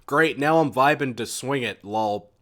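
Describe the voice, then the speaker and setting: A young man answers viewer questions during a relaxed live stream, going on eagerly about music in a rambling way full of restarts and fillers. He talks at a measured pace with a mid-range, fairly bright voice.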